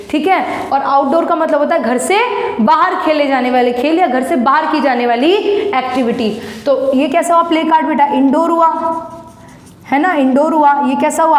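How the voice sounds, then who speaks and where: A woman's voice: high-pitched, a little mellow, a little hiss or hum. A woman teaching an English lesson to children, explaining in Hindi. She is patient and repetitive, often calls the pupils "beta" and spells words out letter by letter. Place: classroom with a blackboard. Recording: echoey room, long reverb.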